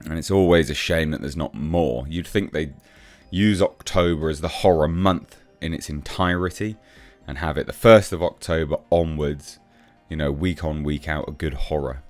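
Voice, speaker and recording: Offering off-the-cuff takes on film news, this reviewer and channel host is casual but blunt and sceptical. He speaks at a normal speed with few pauses in an extremely low voice. The recording is dry, with faint background music.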